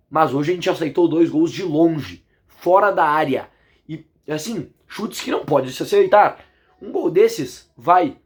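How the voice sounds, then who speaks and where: A hoarse man with a Brazilian accent, giving an indignant, emphatic football analysis as a vlog commentator. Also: high voice, a little mellow.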